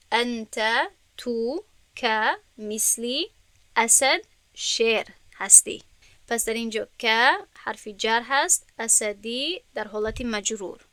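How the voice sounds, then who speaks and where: A woman with a Tajik-influenced Persian accent teaches an Arabic grammar lesson and works through each example step by step. Her voice is bright and crisp and sits a little high. She often stops to ask her students whether they have understood. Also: no room sound. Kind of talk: classroom lesson explanation.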